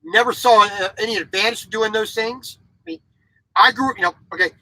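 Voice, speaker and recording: Vlogging from his truck's sleeper cab, a small indoor space, a trucker in his forties talks in a high, brisk, bright and forceful voice, and the audio is poor. He grew up in Japan as a military kid. His casual monologue is blunt and opinionated, with repeated words and frequent restarts.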